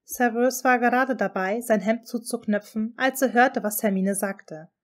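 A woman narrating fan fiction aloud as an audiobook, in a steady, even reading manner. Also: fairly high pitch. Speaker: reader.

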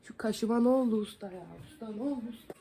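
A fast-talking young woman from Van, Turkey, with a slightly high, warm voice chats and jokes with her viewers during an at-home makeup vlog, freely mocking herself. A little background noise can be heard.

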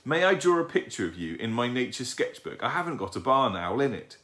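A man voicing a kind young lady in a children's storybook, speaking gently and politely. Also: mid-range voice, big pitch swings, brisk, pitched above the performer's own voice. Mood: kindly.

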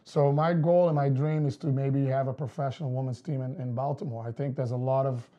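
A man, a soccer coach explaining his methods in an interview, measured with many fillers. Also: medium pitch, steady tone, mellow, dull audio. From Portugal. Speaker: girls' soccer coach, guest. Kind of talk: casual interview talk. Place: studio set with wood backdrop.

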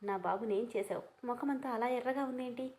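A woman's voice: fairly high pitch, a little fast, darkish tone, voice pushed up, close to an everyday voice, low-quality recording. A woman voicing a desperate young mother who pleads through sobs for her captured child. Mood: anguished. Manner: sobbing, pleading.

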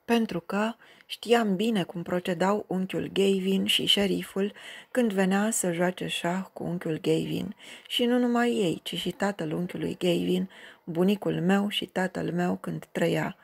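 Woman narrator for a literary audiobook, gravelly and husky, steady pacing. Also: on the low side.

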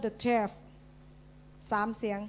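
A woman from Thailand teaching English in a school meeting hall, calling out words one at a time for the class to repeat. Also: drawn-out words. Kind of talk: classroom pronunciation drill.

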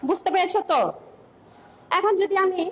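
A woman's voice: very high-pitched, steady tone. A woman teaching an online class with a Bangladeshi Bengali accent, calling out letters one by one and asking her pupils questions as she goes. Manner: slow, drilled recitation of letters with questions to pupils.

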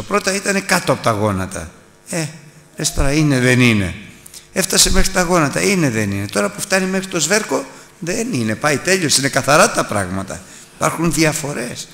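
Male preacher, gravelly and bright, animated storytelling sermon, long hall reverb. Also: mid-range voice. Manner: animated, storytelling, rising to emphatic exhortation. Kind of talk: Bible lesson sermon.

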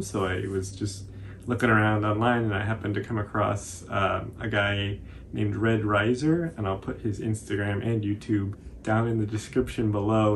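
This man in his twenties has a lowish, gravelly voice and an American accent, with a faint hiss or hum on the recording. He hosts a craft tutorial from a couch in a small room at home, chatting casually as he works.

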